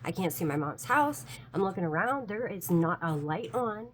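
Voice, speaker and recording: A woman's voice: lowish voice, lively intonation, moderate pace, slight background noise, low-quality recording. A woman telling a personal story in a casual, chatty way, full of "like" fillers, earnest about it being true.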